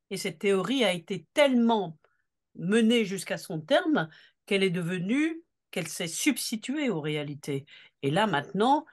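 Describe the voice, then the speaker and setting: Earnest, deliberate woman speaking at a seminar. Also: on the low side. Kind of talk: unscripted political seminar talk.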